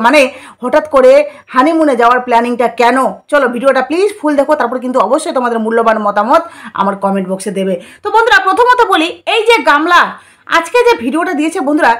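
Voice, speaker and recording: High-voiced woman spilling gossip. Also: fairly bright tone. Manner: conspiratorial, rhetorical questions to viewers. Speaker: vlogger. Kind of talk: gossip commentary vlog.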